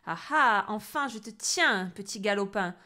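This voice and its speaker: A woman voicing a huge, grumpy female witch who hurls comic insults and menacing threats in a loud, growling manner. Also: mid-range voice, lively intonation, measured pace. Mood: furious.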